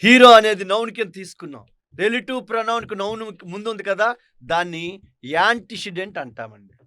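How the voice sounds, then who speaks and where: A man teaches grammar, explaining step by step and asking his students questions as he goes. His voice sits high for a man, and the recording is dry, with no room sound. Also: a little fast, bright, forceful tone, no echo. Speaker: English teacher. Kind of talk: recorded classroom lesson. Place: online teaching studio.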